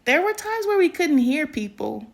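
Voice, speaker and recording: A woman's voice: high-pitched, sing-song, normal speed, gravelly. A woman co-hosting a casual movie review, giving emphatic, opinionated takes.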